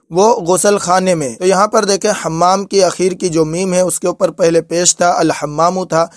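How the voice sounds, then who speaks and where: A man teaching an Arabic lesson, repeating each example slowly for his students. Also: sits high, no room sound, studio quality.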